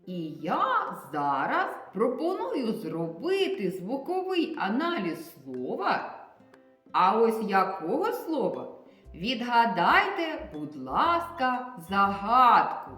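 A woman teacher giving a literacy lesson to young children, pronouncing each sound slowly and clearly. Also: on the high side, fairly bright tone. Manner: slow, clear, carefully enunciated sounds for children.

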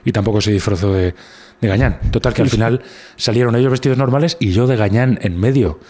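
A man's voice: mid-range voice, fast, darkish tone. A man with a Spanish accent, a guest comedian telling rambling anecdotes in casual conversation, with many restarts.

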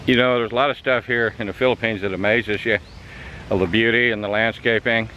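Captured on a handheld camera mic with outdoor noise, this older American man walks a tropical garden and offers casual travel commentary on what he sees. He speaks fairly quickly in a fairly low, bright, forceful voice with fairly even intonation, and the sound is muffled.

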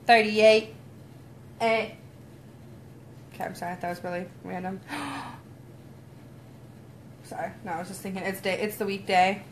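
A woman's voice: medium pitch, fairly even intonation, a little slow, long pauses, slight background noise. A young woman chatting casually with her viewers on a livestream, giggly and talkative. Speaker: vlogger.

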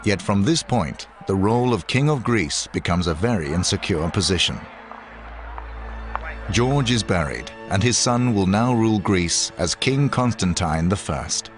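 Male documentary narrator, deep voice, measured scripted read, soft music underneath. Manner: measured, even storytelling.

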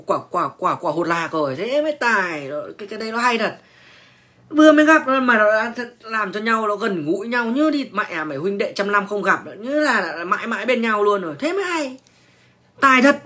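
Brief: young man, crude casual storyteller, lots of cursing and stammered repeats, voice a bit high. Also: pushed and bright. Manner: profane, repetitive stammering restarts, slangy. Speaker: online personality telling stories.

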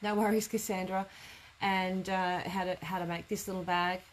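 A woman's voice: on the low side, little pitch movement, moderate pace. A middle-aged woman chats informally and a bit ramblingly as she teaches a live craft class. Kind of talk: casual live tutorial chat. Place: indoor craft studio workroom. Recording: noticeable room background noise.

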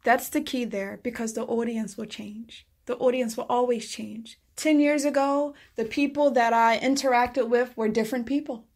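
A woman's voice: on the high side, fairly even intonation, normal speed, few pauses, darkish tone. A woman hosting an interview, affirming her guest and adding her own encouraging thoughts in a casual chat. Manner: affirming, encouraging, frequent "yes" and "that's so good". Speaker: podcast host.

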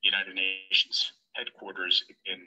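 A man's voice: deep voice, monotone, pushed and bright, soft background music. Man heard over a phone speaker. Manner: halting, many fillers, indignant. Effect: heard through a phone on speaker. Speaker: guest calling in. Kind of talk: casual recounting on a live stream. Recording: dull lo-fi phone sound.

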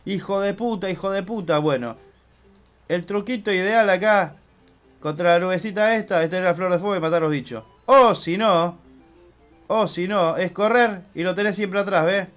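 A young man with an Argentine accent hosting a casual let's-play, chatty and excitable, swearing loudly when he fails. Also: high-pitched, moderate pace, soft background music. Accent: Argentine Spanish. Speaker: gaming channel host.

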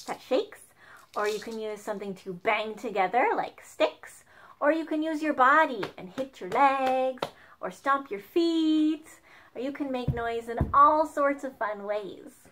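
Woman, children's music teacher, sing-song, unhurried, home dining room, camera across the room. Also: fairly high pitch, fairly bright tone, slight background noise.

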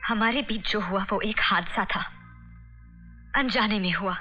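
An actress playing a caring, lively young woman on a trip, in film dialogue with a dull lo-fi soundtrack and music. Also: mid-range voice, a little slow, close to an everyday voice. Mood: somber.

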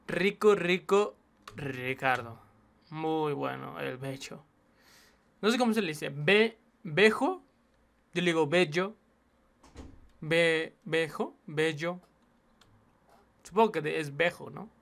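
A young man hosting a reaction video, chatting casually and excitedly, slipping English slang into his commentary. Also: on the high side, slow, gravelly, pauses often.

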